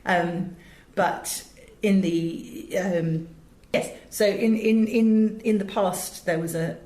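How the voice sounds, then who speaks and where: This time her voice is medium-pitched, a little mellow, slow, and fairly even as the middle-aged British woman, an audio director and drama school teacher, articulately and emphatically tells interview anecdotes about her work. The indoor sound is roomy and echoey.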